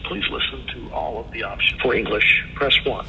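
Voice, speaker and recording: A man's recorded voice on an automated phone menu, reading the options in a flat, measured way over a phone call. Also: on the low side. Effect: recorded phone menu prompt heard over a phone call. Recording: phone speaker audio, reverberant, noisy.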